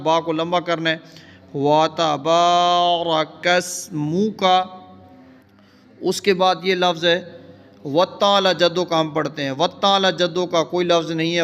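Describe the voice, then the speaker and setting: Brief: male teacher with Pakistani Urdu accent, fairly high voice, flat delivery, long hall reverb. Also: lo-fi sound. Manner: slow, drawn-out chanting of example words between quick explanations. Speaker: Islamic scholar teaching prayer recitation. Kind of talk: recitation lesson with chanted examples.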